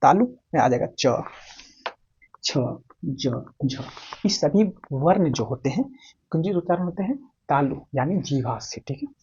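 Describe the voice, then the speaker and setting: Man, Bihari accent, grammar teacher, playful and animated, husky voice, dull lo-fi sound. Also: on the high side, measured pace. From Bihar, India. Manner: animated, playful, jokes and asks students questions. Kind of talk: classroom-style lesson with memory tricks.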